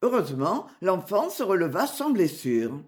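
A woman narrating an adventure story in an expressive, animated reading. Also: lowish voice, moderate pace.

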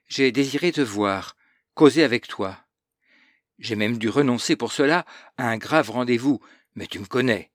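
A man's voice: medium pitch, normal speed, no room sound, clean studio sound, lightly acted. A man voicing a stern, pious older aunt who lectures her niece with self-satisfied moralizing. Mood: lecturing.

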